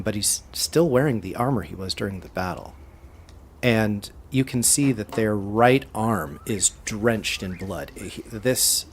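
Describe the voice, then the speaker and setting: A man narrating as game master of a tabletop game, descriptive and hesitant, with frequent fillers. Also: on the low side.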